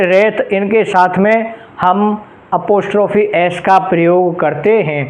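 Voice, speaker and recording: A man teaching an exam-prep grammar lesson in a fairly high voice. He speaks at an unhurried pace and reads the example phrases out word by word. He keeps checking in with his students through rhetorical questions. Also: poor audio. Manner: explains in Hindi, slowly reading out English example phrases.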